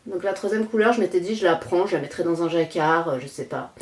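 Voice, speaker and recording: A woman's voice: on the low side, fast talker. A woman from France in her thirties chatting casually on her knitting podcast, rambling with many fillers and self-deprecating asides. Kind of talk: casual chat.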